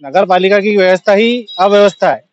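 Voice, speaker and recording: A man's voice: high voice, brisk, highs cut off. A man, a shopkeeper, speaking emphatically and indignantly in a street interview.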